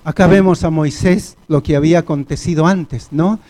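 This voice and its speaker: A man with an Argentine Spanish accent preaching a sermon in a church, deliberate and measured, often turning to the congregation. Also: a little high, mellow.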